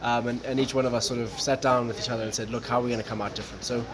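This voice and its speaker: A man from Malawi, a guest talking casually about his tourism business, relaxed and saying "um" and "look" a lot. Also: mid-range voice, rapid-fire, crowd noise. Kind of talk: casual interview talk. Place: coffee shop. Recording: noisy coffee shop background.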